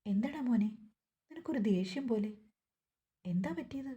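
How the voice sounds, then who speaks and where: A woman's voice: on the high side, lively intonation, normal speed, mellow, husky. A woman voicing a middle-aged mother who coaxes and scolds her grown son in a family story. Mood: coaxing. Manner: coaxing, scolding.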